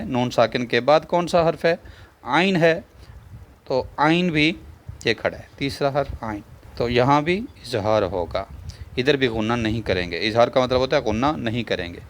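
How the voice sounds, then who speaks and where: A man with a Pakistani Urdu accent teaching a Quran reading lesson step by step. He spells out letters and vowel marks, drawls the joined words slowly, repeats each rule and puts questions to the viewer. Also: mid-range voice.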